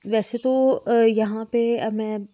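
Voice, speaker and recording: A woman's voice: fairly high pitch, steady tone, takes it slowly, dark tone, dry recording. A woman from Pakistan giving a casual home tour while filming on her phone, chatting with frequent fillers and restarts. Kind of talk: casual walkthrough narration. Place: apartment rooms indoors. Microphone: phone camera held while walking.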